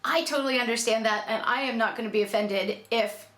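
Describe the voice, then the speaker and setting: A woman's voice: fairly high pitch, brisk, a bit bright. A woman hosting a paper-folding tutorial, talking casually with fillers and restarts. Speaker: origami tutorial host.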